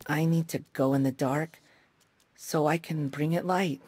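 A woman's voice: deep voice, steady tone, unhurried, a little mellow, slight background noise. A woman voicing a small, timid, earnest boy creature of light in a video game, childlike in manner. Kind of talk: video game character dialogue. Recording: faint game ambience behind voice.

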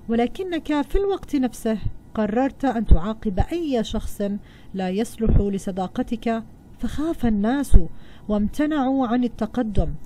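A woman reading as a calm wise old sage. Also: a little high, slight background noise, lightly acted. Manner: calm, measured advice.

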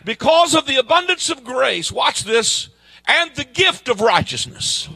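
High, gravelly-voiced man preaching emphatically. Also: big pitch swings, a little slow, dry recording. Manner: folksy, emphatic preaching that rises to shouting. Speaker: guest preacher. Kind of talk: sermon. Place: church stage with a drum kit behind. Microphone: handheld microphone.

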